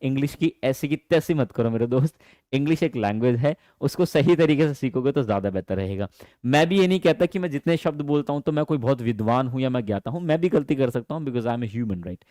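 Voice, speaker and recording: A man teaching an online English class in Hindi, animated and affectionate, calling his students dear children. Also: medium pitch, a little fast, no echo, studio quality. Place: teaching from home.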